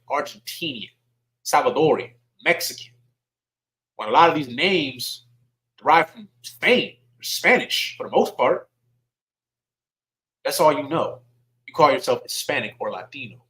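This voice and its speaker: A man's voice: on the high side, a bit bright, poor audio. A man giving a sermon in a conversational way, reading scripture and asking his listeners questions in informal speech. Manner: conversational, asks the audience questions; informal speech with dialect words like y'all. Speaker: teacher at a religious service.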